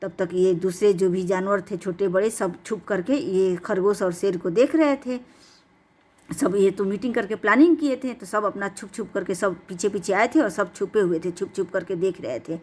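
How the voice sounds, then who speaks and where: A woman's voice: medium pitch, normal speed, darkish tone. Woman telling a chatty bedtime story. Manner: chatty, with restarts and explanatory asides. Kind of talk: casual bedtime story narration.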